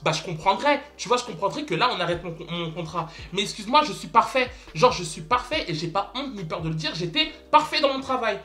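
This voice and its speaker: A man's voice: high voice, expressive, brisk, hardly any pauses, sharp tone. A young man telling a story to camera in a casual vlog, dramatic and exclamatory, repeating words for emphasis. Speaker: vlogger.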